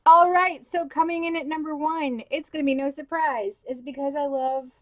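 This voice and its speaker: A young woman book vlogger chats casually to camera about book covers, gushing and filling her talk with lots of "like" and "um." She has the hiccups, and her high voice moves at a normal speed with fairly even intonation.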